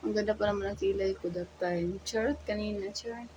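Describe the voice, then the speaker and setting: A woman's voice: mid-range voice, steady tone, fairly quick, dull audio, noisy background. A woman, a mother chatting casually to her vlog viewers at home, playful and mixing Tagalog with English. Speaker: vlogger and mother.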